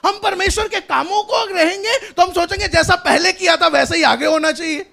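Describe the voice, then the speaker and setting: A man's voice: extremely high pitch, fairly quick, vocal fry, sharp tone. A man preaching a sermon as pastor, emphatic, often raising his voice and repeating lines after a reader.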